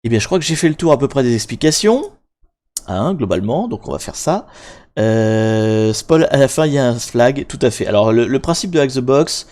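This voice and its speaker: Young male streamer, casual, rambling, self-mocking, mid-pitched voice. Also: expressive, moderate pace, a little mellow. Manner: rambling, self-mocking, many fillers and restarts. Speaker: livestream host. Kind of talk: casual live-stream chat explaining hacking.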